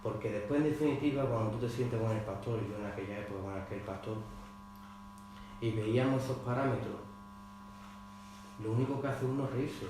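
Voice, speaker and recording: A man's voice: mid-range voice, brisk, pauses often. A man preaching a sermon as pastor, reading scripture aloud with rising force. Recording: very echoey church hall with faint mains hum.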